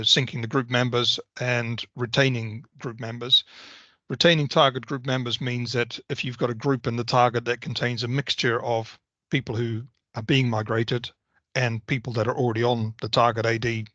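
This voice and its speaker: A man on a video call gives a methodical, explanatory software walkthrough. His voice is bright and forceful, and it sounds dry and close. The call audio is a little dull and lo-fi. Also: mid-range voice, flat delivery, moderate pace, no echo. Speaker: software presenter. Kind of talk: technical product walkthrough.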